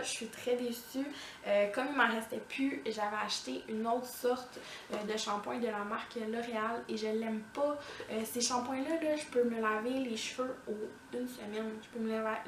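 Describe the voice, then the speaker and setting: Québécois woman vlogger, casual and chatty with frequent fillers, slightly high voice, light background hiss. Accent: Québécois French. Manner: chatty, many "euh" fillers. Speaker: beauty vlogger. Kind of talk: casual product review to camera. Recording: echoey room.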